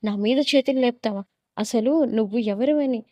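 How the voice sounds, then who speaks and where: A woman's voice: fairly high pitch, normal speed, warm tone, no echo, natural voice. Woman reading as a sneering college bully. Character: bitter young male college bully, hot-headed.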